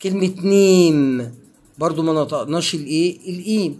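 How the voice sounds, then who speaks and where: Egyptian male tutor, higher voice, online lesson, quizzing and praising students. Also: fast talker, breathy edge, faint music behind. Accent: Egyptian Arabic. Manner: quizzes listeners with prompting questions and praise. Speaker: English teacher.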